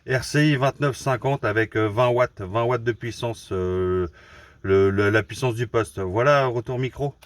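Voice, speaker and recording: An amateur radio operator from Normandy, France, chats casually and politely during a radio contact from a mobile station, often repeating his phrases. His voice is medium-pitched and unhurried, with no room sound.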